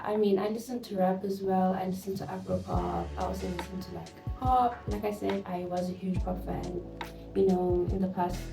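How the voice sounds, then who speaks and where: A woman talking to camera in a casual, rambling, slangy vlog style as she hosts her music channel while relaxing with a drink and a smoke. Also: lowish voice. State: tipsy, smoking and drinking. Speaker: music vlogger hosting her own channel. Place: garden with a fan running. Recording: roomy, distant mic, music behind.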